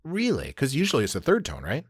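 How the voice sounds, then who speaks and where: A man's voice: mid-range voice, huge pitch swings, fast talker, breathy edge, no room sound, clean studio sound. A man hosting a language podcast, explaining slang step by step in a casual, laughing way. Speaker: podcast host teaching slang. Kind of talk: casual teaching chat.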